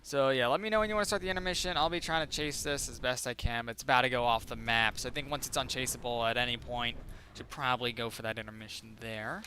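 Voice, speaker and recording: A man's voice: mid-range voice, fairly even intonation, quick pace, sharp tone, slight background noise. A man chatting casually as co-host of a gaming livestream.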